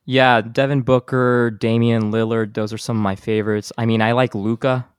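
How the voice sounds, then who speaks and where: A man's voice: medium pitch, level tone, moderate pace, clean tone, no room sound. Easygoing male podcast host, dry sound. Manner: easygoing, chatty, asks playful questions. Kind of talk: casual interview chat.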